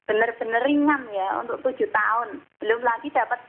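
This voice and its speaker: A female phone-in caller speaks through a narrow, phone-like line. Her voice sits fairly high, and she lays out her points in order in a plain, direct way. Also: a little fast, slight background noise. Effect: phone-line caller heard through a call-in line. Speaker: caller to a TV talk show. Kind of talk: call-in opinion.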